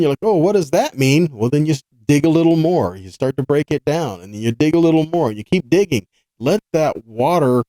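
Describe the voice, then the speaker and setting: A Bible teacher leads his weekly scripture study, preaching in an informal, earnest way with a mid-range, dark-toned male voice. He explains conversationally, repeats his points, poses rhetorical questions and checks in with listeners. The recording is dry and of poor quality.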